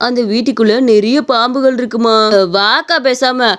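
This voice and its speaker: Woman doing a bold young cartoon uncle, argues a lot, high-pitched voice. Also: steady tone, normal speed, clear, resonant tone, lightly acted. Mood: dismissive. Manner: brash, argumentative. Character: young village man, bold uncle, brash and plotting.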